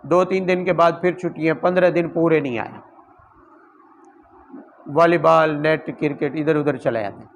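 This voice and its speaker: High-voiced preacher. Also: male voice, fairly even intonation, vocal fry, pauses often, slight background noise, poor audio. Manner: conversational, with rhetorical questions and personal anecdotes. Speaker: Quran teacher and imam. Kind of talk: Urdu Quran commentary sermon.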